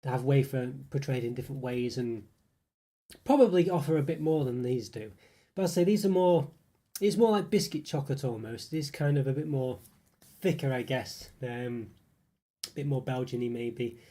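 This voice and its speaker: Speaking at normal speed in a mellow, medium-pitched voice, a congested British man with a cold reviews snacks on a YouTube live stream. He's casual and rambling, hedging constantly and using lots of fillers.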